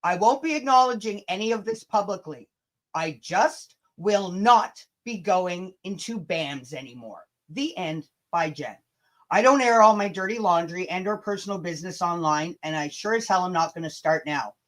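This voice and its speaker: Speaking at a normal speed, this livestream host has a lowish, animated voice. She's from Canada and mixes casual chat with dramatic readings of emails, all delivered bluntly, sarcastically, and with plenty of swearing.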